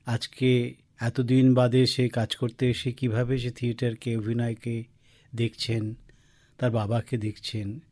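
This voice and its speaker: Man, radio interviewer, mellow dark voice, dry studio sound. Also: mid-range voice, completely flat delivery, measured pace, no room sound.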